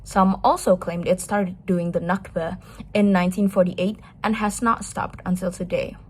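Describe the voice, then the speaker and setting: A woman's voice: fairly low pitch, steady tone, a little mellow, slightly rough. A woman interviewer giving a formal, prepared introduction and then asking questions. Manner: measured, formal, reads prepared lines. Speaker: interviewer, host.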